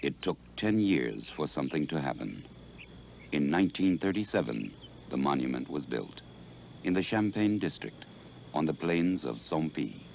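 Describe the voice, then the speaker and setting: A man's voice: very deep voice, very animated, moderate pace, gravelly, a little mellow, slight background noise. A man reading scripted documentary narration in a formal register.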